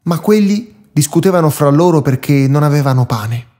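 A male priest giving a measured, deliberate scripted Bible reading, phrase by phrase. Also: fairly high pitch, animated, dark tone.

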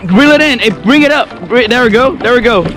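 There's music in the background as a young male fishing vlogger, his voice very high-pitched, expressive and a little fast, gives casual commentary from his kayak. He's out on an open lake with an action camera and hollers when fish bite.

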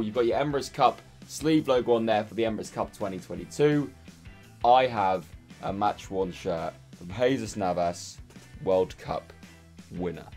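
A man in his twenties with a tired, hoarse voice, talking casually to camera indoors. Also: medium pitch. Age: 20s. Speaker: football vlogger. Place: small furnished room indoors.

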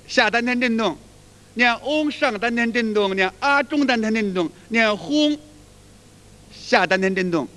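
A man's voice: very high voice, sharp tone. A man giving a folksy, repetitive spoken lecture as a qigong teacher, now and then demonstrating chants aloud. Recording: reverberant hall.

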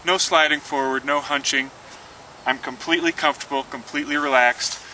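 A man, the inventor, presenting and demonstrating his product in an earnest pitch, talking through each movement. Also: steady tone, fairly quick. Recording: slightly distant mic, faint outdoor noise.

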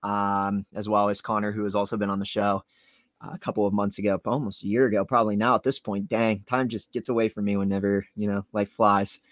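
A man's voice: fairly low pitch, level tone, brisk, no room sound. A young man in his twenties co-hosting a sports podcast, rambling easygoing chat full of "like" and "you know". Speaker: podcast co-host.

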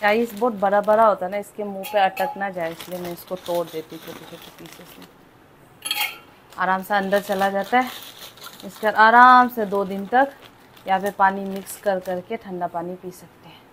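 A woman's voice: mid-range voice, moderate pace, a bit bright, a little hiss or hum. A young woman vlogging casually from her small room at home, chatting to viewers and mixing English words into her speech. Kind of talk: casual vlog chat.

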